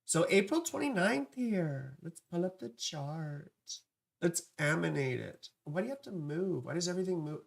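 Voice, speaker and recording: An astrology livestream host with a dry, parched vocal fry, chatting casually with viewers in a playful, scattered way, often breaking off into affectionate asides. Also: medium pitch, lively intonation, normal speed.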